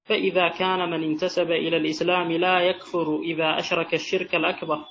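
A man reading a classical religious text aloud to his teacher in a measured, deferential manner. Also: on the high side, fairly bright tone. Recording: dull sound with faint hiss.

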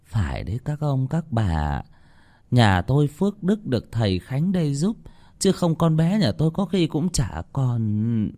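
A man voicing a grateful old grandmother who speaks quietly and humbly. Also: mid-range voice, big pitch swings, unhurried, pitched above the performer's own voice.

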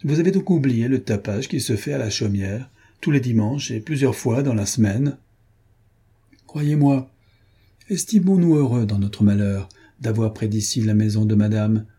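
A man's voice: medium pitch, dark tone, slightly rough, natural voice. A man doing a courteous authoritative doctor. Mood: persuasive. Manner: courteous, measured. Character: polite, authoritative male doctor.

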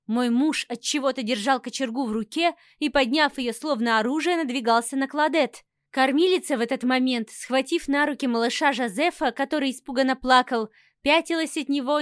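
A woman narrating a first-person audiobook in an expressive, dramatic manner. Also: high-pitched, normal speed, no room sound, clean studio sound.

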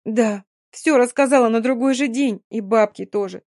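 A woman reading an audiobook, voicing a young Roma woman who is hoarse from crying, guilt-ridden and speaking in broken, halting bursts. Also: fairly low pitch, dry recording, studio quality, natural voice. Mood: anguished. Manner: broken, halting, rising in anguish.

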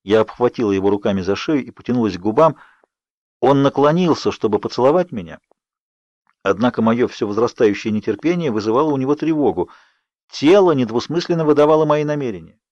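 A man reading first-person narration for an audiobook in an even, measured way. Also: mid-range voice, dry recording. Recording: dry, slightly dull studio read.

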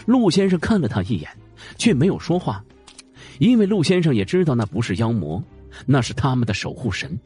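A man narrating a fantasy audio drama in a dramatic, expressive way. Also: mid-range voice, fairly quick, breathy edge, faint music behind.

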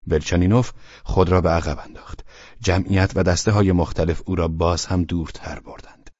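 A man narrating a literary audiobook in a measured, steady reading voice. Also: deep voice, no room sound, muffled recording.

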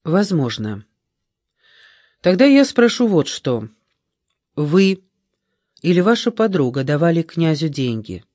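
A man reading an audiobook, voicing a young woman in her twenties who questions firmly and calmly. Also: on the high side, slow, pauses often, no echo, clean studio sound. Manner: firm, probing, calm.

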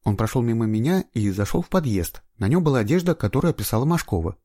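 Reading an audiobook, a man voices an eager young female trainee investigator, raising his voice insistently with an earnest mood. His mid-range voice is sing-song, fast, and dark in tone, captured in a dry, studio-quality recording.

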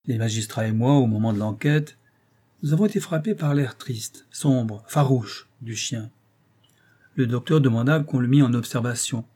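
A man reading an audiobook, voicing a polite, cunning gentleman detective who speaks courteously and with insinuation. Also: mid-range voice, moderate pace, slightly rough, close to an everyday voice.

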